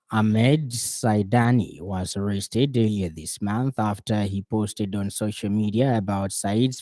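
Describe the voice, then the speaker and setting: A man with a Zambian accent reads a scripted radio news bulletin in a formal, measured manner. His voice is on the low side and mellow, with no echo.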